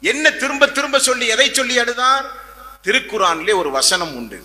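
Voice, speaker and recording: High-pitched preacher guy, really sharp bright voice, long hall reverb, keeps repeating himself. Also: sing-song, moderate pace. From Tamil Nadu, India. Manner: impassioned, repeats phrases and fires rhetorical questions. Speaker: Islamic preacher. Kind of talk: sermon.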